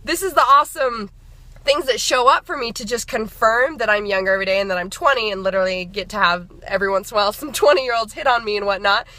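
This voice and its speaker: Bright-voiced upbeat woman in her thirties. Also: on the high side, quick pace. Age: 30s. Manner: chatty, upbeat, many fillers and restarts. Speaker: fitness and nutrition coach. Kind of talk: casual motivational vlog.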